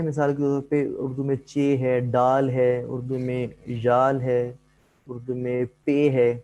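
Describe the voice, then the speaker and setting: A man's voice: mid-range voice, mellow, rough recording. A young man teaching an online Arabic class, explaining letters patiently and asking his students questions, with English words mixed into his talk. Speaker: Arabic language instructor.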